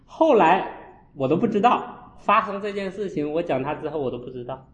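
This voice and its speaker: A man, a Buddhist monk, giving a storytelling dharma talk and acting out his own scolding with sharp jumps in voice. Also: a little high, lively intonation, fairly quick. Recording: echoey, dull lo-fi room.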